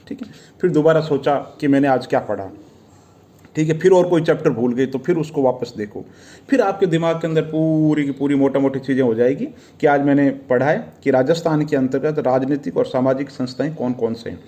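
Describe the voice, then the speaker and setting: A middle-aged male exam preparation teacher gives a motivational study-tips talk to camera in a mid-pitched, dark-toned voice. Earnest and advising, he addresses viewers as friends and repeats tag questions.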